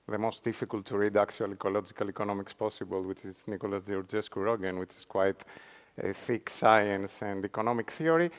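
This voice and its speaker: A man's voice: on the low side, clean tone. A man with a Spanish accent speaking on a conference panel, lecturing with frequent fillers and restarts. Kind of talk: academic panel talk. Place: conference hall.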